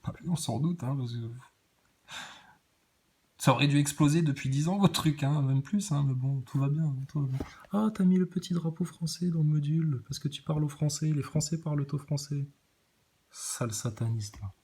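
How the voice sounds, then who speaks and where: A man's voice: fairly high pitch, brisk, darkish tone, a little hiss or hum. A man giving mocking, sarcastic reaction commentary over video clips, swinging between scornful mutters and outbursts.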